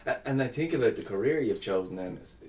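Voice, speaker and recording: A man hosting a casual interview, speaking reflectively and haltingly, repeating phrases as he goes. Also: medium pitch, expressive, darkish tone. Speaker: podcast host.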